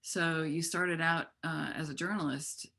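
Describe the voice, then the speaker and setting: A woman festival organizer speaking calmly on a discussion panel over a video call, stopping to restart her sentences. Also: deep voice, vocal fry. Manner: calm, measured, many restarts.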